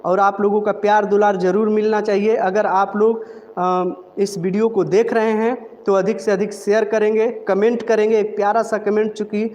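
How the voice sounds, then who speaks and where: A man teaching a live online spoken-English class, drilling letters and words slowly and carefully in front of a board. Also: sits high, little pitch movement, darkish tone, dull audio. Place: room with a board. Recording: long reverb, faint room noise.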